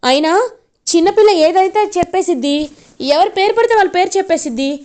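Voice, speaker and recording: A woman's voice: very high-pitched, lively intonation, fast, darkish tone, voice pushed up. A woman doing a sly, defensive old grandmother. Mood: indignant. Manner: indignant, defensive.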